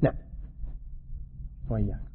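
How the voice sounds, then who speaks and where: A man, a sheikh, giving a religious lesson and answering questions from the audience in a quick, explanatory way. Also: slight background noise. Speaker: sheikh teaching fiqh. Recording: tinny, echoey hall sound.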